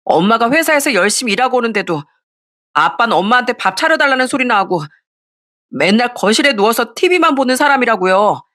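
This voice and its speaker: A woman's voice: on the high side, animated, brisk, fairly bright tone, pitched above the performer's own voice. A woman voicing an eleven-year-old boy who speaks up bluntly and earnestly for his mother, in an audio story reading.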